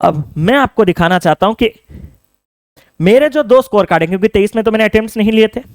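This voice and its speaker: A young man with a high voice coaches exam students in a direct-to-camera online talk, urging them on earnestly and throwing rhetorical questions at them to make them think. He speaks quickly, and the sound is close and dry with no room echo.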